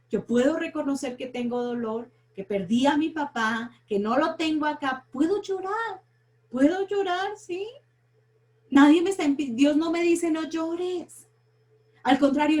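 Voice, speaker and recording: Woman, high-pitched, middle-aged, church seminar teacher, earnest, personal, checks in with listeners.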